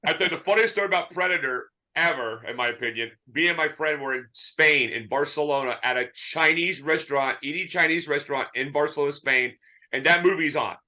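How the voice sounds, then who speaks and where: A man co-hosting a casual movie chat, telling animated stories and ranting. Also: a little high, fairly quick. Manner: animated storyteller, ranting, does voices. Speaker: podcast co-host.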